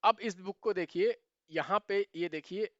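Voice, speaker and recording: A man's voice: high-pitched, unhurried, fairly bright tone, dry recording, highs cut off. A man giving exam preparation advice straight to viewers, emphatic and repeating his points for stress. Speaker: exam prep mentor. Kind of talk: direct-to-camera advice video.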